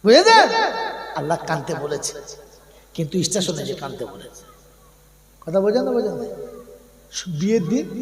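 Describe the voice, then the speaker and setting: A male preacher with a very high voice delivers a lively sermon, spinning humorous stories and firing questions at his audience. His voice rings through a roomy hall with a long trailing reverb. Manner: animated storytelling with jokes and questions to the crowd. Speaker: Islamic preacher. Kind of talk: Bengali waz sermon. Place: large sermon gathering.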